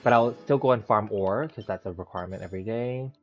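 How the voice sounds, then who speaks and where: A fast-talking man with a fairly low pitch rambles step by step through his own gameplay as a livestream host, chatting casually. A slight lisp makes it sound like he just bit his tongue; music plays behind a dull, lo-fi recording.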